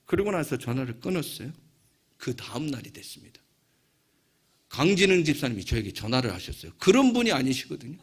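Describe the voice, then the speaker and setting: A male pastor telling a story in a sermon, dropping to hushed asides and rising into fervent prayer. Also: mid-range voice, very animated, fairly quick, pauses often, husky.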